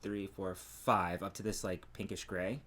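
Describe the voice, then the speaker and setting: A man's voice: low voice, unhurried. Male podcast co-host, easygoing, shows his crochet while chatting. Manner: relaxed, trails off and restarts while showing work. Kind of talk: casual chat about crochet.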